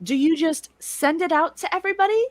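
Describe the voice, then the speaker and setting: A woman's voice: extremely high pitch, a little fast, no room sound. A woman hosting a casual livestream, loosely asking her chat questions and laughing easily. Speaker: streamer host.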